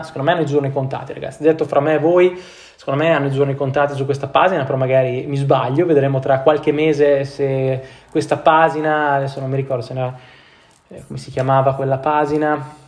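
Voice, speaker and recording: A man's voice: fairly high pitch, a little mellow, reverberant. A man teaching copywriting, reading ad copy aloud and commenting on it casually, with laughs, swearing and frequent restarts. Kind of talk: casual screen-share commentary.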